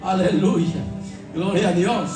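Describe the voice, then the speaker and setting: A man's voice: high voice, takes it slowly, recorded from a distance. A man preaching a sermon and reading scripture aloud, pressing the congregation with emphatic questions. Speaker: pastor. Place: church sanctuary. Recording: echoey church with music behind.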